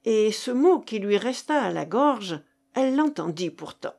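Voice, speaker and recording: A woman narrating a classic novel aloud in a measured, expressive reading. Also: fairly high pitch, creaky. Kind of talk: audiobook reading of classic fiction.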